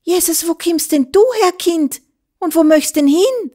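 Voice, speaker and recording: A kindly countrywoman with a Bavarian accent, acted by a woman reading the story. She speaks in a high, coaxing dialect, gentle and reassuring. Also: measured pace. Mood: startled, soothing.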